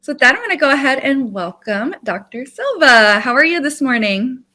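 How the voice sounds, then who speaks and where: A woman's voice: high voice, very animated, normal speed, bright, forceful tone. A woman hosting the show, reading an upbeat, welcoming scripted introduction of a guest. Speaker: host.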